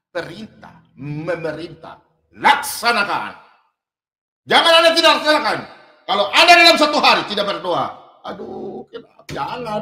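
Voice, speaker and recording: A man preaching a sermon, who swings between shouted, drawn-out words and quiet asides. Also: extremely high pitch, roomy sound. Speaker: pastor. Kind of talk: energetic sermon.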